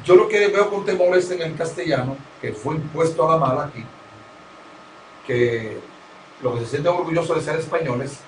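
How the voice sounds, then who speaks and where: A man's voice: on the high side, moderate pace. A man, a professional radio announcer, explaining his advice in a didactic way during an interview. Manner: didactic, lists points and gives advice. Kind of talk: conversational interview. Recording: roomy, distant mic with faint noise.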